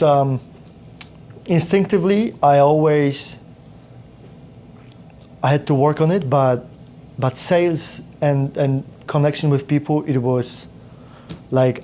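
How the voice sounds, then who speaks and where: A man tells his story in a loose, rambling way, circling back and restarting his sentences. His tone is mellow and dark. A faint hum of room ambience sits underneath. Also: mid-range voice. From Poland. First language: Polish. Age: 30s. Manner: rambling with frequent restarts and fillers. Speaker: podcast guest. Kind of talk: casual interview storytelling.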